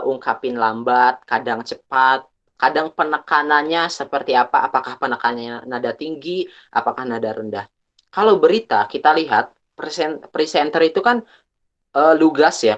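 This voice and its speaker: A young man speaking in a chatty, casual way at an online workshop. He often restarts and pauses with fillers. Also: on the high side, a bit bright, highs cut off. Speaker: webinar speaker.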